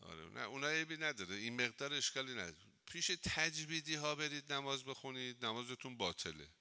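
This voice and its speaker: A man's voice: mid-range voice, lively intonation, sharp tone, clear, resonant tone. A man, a cleric, giving an informal religious lesson in a mosque, talking conversationally and telling humorous anecdotes.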